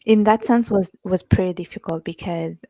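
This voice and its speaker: Italian-accented woman, low voice w lots of vocal fry, guest in a chat, kinda reflective, fillers everywhere. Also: normal speed, mellow, dry recording. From Italy. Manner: reflective, with many fillers like "you know" and "like". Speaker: author and guest. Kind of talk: casual interview talk.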